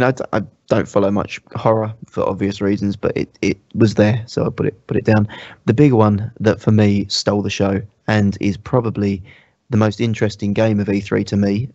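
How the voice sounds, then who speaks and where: A man co-hosting a casual gaming chat show, leading the talk with lively reactions. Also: lowish voice, gravelly, no echo. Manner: animated, laughing, leading the discussion. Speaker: podcast co-host. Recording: dull lo-fi stream audio.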